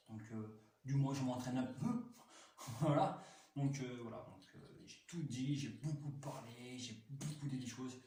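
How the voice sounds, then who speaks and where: A man's voice: mid-range voice, dark tone. A talkative man rambles through a toy review, full of hesitations and restarts. His voice bounces around a very echoey room, picked up from a distance with a faint hiss underneath. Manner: chatty, full of fillers and restarts, enthusiastic.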